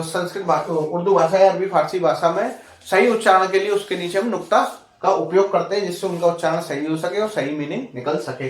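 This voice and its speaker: A man teaching a Hindi grammar lesson for exam students. He explains step by step, repeats the example words, asks the class questions and keeps saying "okay" between points. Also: sits high. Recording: echoey room, voice from far off the mic.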